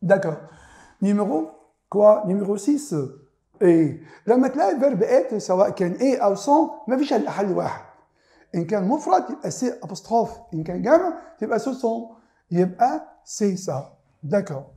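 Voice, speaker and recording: A man's voice: high voice, very animated, fast talker, dark tone. Egyptian man teaching in an echoey room. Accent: Egyptian Arabic. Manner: asks rhetorical questions and answers them himself, repeating key words. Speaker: French teacher. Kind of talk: classroom explanation.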